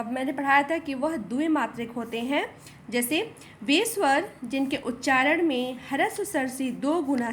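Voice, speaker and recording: A woman teaches a lesson in a high voice. She speaks slowly and repeats herself, often asking the class questions and then answering them. Faint background noise sits behind her. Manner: slow, repetitive explaining with frequent rhetorical questions.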